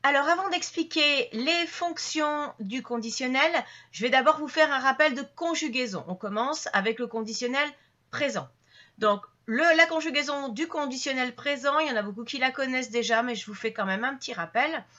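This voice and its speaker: A woman gives a grammar lesson in a bright, fairly high voice. She explains patiently and step by step, often pausing on fillers and restarting her sentences. The recording sounds a little dull and lo-fi. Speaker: French teacher.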